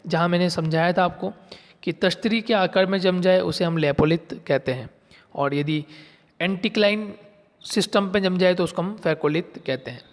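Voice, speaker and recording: A male geography teacher with a fairly high voice, explaining step by step. He often repeats key terms and asks questions that he then answers himself. The sound carries a long, lingering reverb. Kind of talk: classroom lecture.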